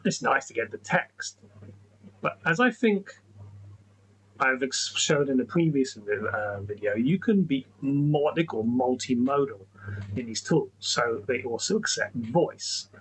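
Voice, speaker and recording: A man's voice: mid-range voice, lively intonation, unhurried, slight background noise, low-quality recording. A man talking through a screen-recorded tutorial in a chatty, rambling way, restarting sentences and saying "okay, so" often. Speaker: tech educator.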